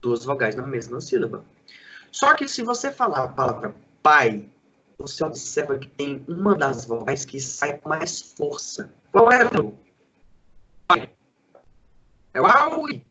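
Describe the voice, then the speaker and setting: A male school teacher giving a Portuguese lesson, sounding out syllables slowly and quizzing a student. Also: fairly high pitch, huge pitch swings, bright, forceful tone, low-quality recording. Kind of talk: lively classroom lesson for sixth graders.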